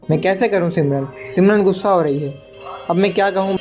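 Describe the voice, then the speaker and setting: A woman voicing a defensive, overworked young husband in an animated story, arguing in an exasperated way. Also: fairly low pitch, a little fast, soft background music, lightly acted.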